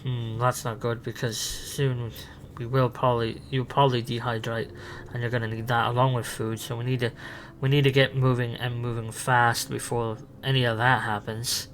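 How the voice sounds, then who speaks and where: A man's voice: mid-range voice, flat delivery, normal speed, fairly bright tone, a little hiss or hum, lightly acted. A man playing the Doctor, a curious alien time traveller, improvising with restarts and fillers in a fan audio drama. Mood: urgent.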